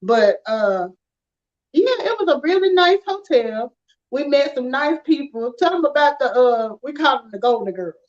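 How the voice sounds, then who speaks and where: A woman, telling stories in an animated, casual chat with frequent laughter. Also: sits high, normal speed. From rural Alabama, USA. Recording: dull lo-fi sound.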